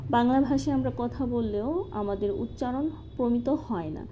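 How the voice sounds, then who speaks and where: A woman calmly walking through a lesson plan step by step, as a teacher-training instructor. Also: on the high side. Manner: methodical, step-by-step with occasional fillers. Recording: slightly dull lo-fi recording with faint noise.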